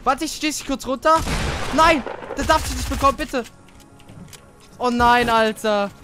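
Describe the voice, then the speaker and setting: Excitable young gamer. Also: male voice, extremely high pitch, unhurried, music in the background. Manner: excitable, swears casually, talks to teammate while playing. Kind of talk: casual gaming commentary.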